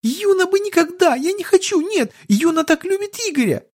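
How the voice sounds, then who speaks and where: A man voicing a small childlike female lamia girl who squeaks and whines in a childish way. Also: wildly swooping pitch, normal speed, darkish tone, exaggerated voice. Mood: hysterical. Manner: squeaky, whiny childish pleading.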